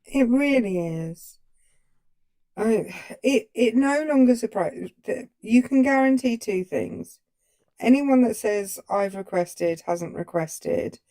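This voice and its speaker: A woman's voice: fairly high pitch, expressive, slow, mellow. A woman co-hosting a live stream, making dry, wry remarks in casual chat. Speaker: co-host.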